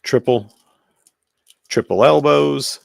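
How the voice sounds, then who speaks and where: A man's voice: medium pitch, slow pace, creaky, no echo, studio quality. A man hosting a live stream, casually reviewing an action figure and thinking aloud as he handles it. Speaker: toy collector host.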